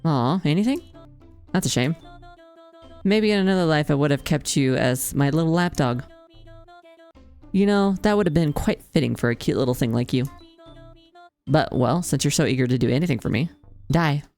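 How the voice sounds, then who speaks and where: A woman's voice: sits low, animated, moderate pace, long pauses, a little mellow, soft background music. A woman voicing a haughty, murderous young villainess in a game, condescending and gloating like a mustache-twirling villain. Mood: mocking, gloating.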